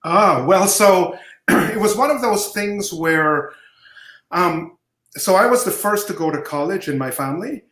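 A middle-aged man from Jamaica, a professor, answering interview questions over a video call with measured storytelling. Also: high-pitched, expressive, a bit bright. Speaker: guest professor. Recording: roomy video-call audio.

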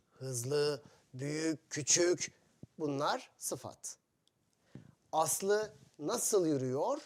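A man gives a lesson to learners of his language, speaking in short, deliberate phrases. His voice sits a little high and swings widely in pitch, and he talks extremely slowly, repeating each example. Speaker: Turkish teacher. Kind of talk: slow, simplified teaching of Turkish to foreigners.

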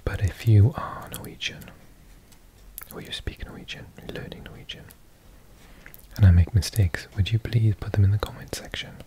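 A man from Wales, an ASMR creator, whispers softly and without voicing as he reads a language textbook at an indoor table. His delivery is slow and gentle with fairly low pitch and fairly even intonation, and he corrects himself as he goes, like a learner.

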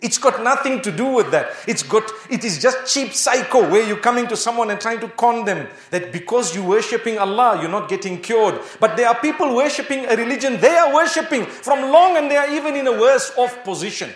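A man's voice: very high voice, animated, fairly quick, few pauses, fairly bright tone, roomy sound. A man giving an Islamic sermon, emphatic and full of rhetorical questions. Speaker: Islamic preacher.

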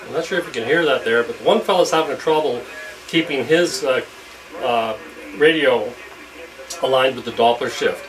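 In his small indoor radio shack, this fifty-something ham operator talks at a moderate pace in a medium-pitched voice. He logs contacts and chats casually to a camera placed across the room, whose distant mic catches a noisy room full of loud hiss and radio static.

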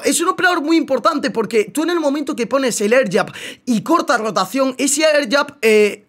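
A man's voice: very high voice, fairly bright tone. A young man with a Castilian Spanish accent giving casual gameplay commentary as a streamer. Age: young adult. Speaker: gaming streamer.

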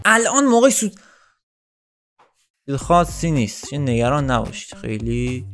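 A young man commenting excitedly on his own football video game match, shouting at the players and joking with viewers. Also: medium pitch, faint music behind. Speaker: gaming YouTuber.

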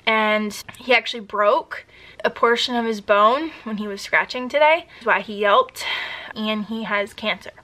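A woman's voice: mid-range voice, sharp tone, rough recording. A woman vlogger talking candidly in a conversational personal vlog.

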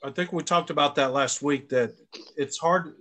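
Relaxed man savoring his plate. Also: on the high side, normal speed. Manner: relaxed, savoring, repeats words for emphasis. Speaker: co-host. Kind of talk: casual cooking chat.

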